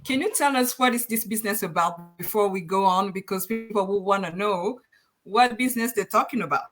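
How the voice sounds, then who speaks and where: A woman from Congo hosting a live online business interview, encouraging and pausing often with fillers. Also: medium pitch, over music. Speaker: host.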